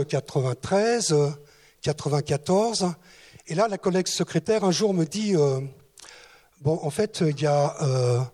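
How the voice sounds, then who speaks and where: This man's voice is on the high side with a darkish tone. Having once led his town's youth service, he shares recollections before an audience, full of hesitant fillers, and points out that his French accent isn't from the southwest.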